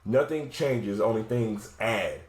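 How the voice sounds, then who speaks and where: A drumline instructor with a lowish, slightly mellow voice takes it slowly as he casually explains drum rudiments step by step. He thinks aloud and corrects himself while demonstrating on a drum. The room is echoey, with drumming in the background.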